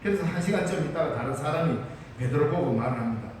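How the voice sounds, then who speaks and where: Fast-talking, with a fairly high and slightly mellow voice, the male pastor preaches in Gyeongsang-accented Korean. His Sunday sermon in the sanctuary brings the story to life by acting out dialogue; the mic is far away in a reverberant hall, and there's a bit of background noise.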